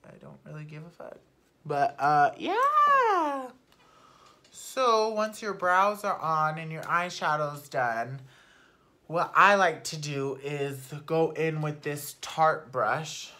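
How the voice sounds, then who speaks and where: A young woman chats through her makeup routine at home in a loose, unfiltered way. Her voice sits low for a woman yet sounds bright and forward. She takes her time, swears offhandedly and sometimes trails into a soft murmur. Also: slow. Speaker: beauty vlogger. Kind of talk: casual makeup talk-through. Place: at home, not in a studio.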